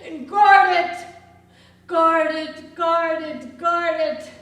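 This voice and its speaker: A woman's voice: very high-pitched, fairly even intonation, extremely slow, fairly bright tone, exaggerated voice. A woman actor playing an enraged, bitter woman, with fierce, repeating rhetorical lines in a stage monologue. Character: enraged grieving New Orleans woman, bitter. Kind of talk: theatrical monologue. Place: theater stage. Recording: echoey stage from a distant mic.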